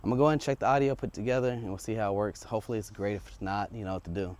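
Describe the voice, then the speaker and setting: A man records a casual, unscripted vlog to test audio gear, a wireless lavalier clipped to his shirt as he walks up a residential street outdoors, chatting informally and thinking aloud. He talks very fast in a lowish, slightly mellow voice with fairly even intonation.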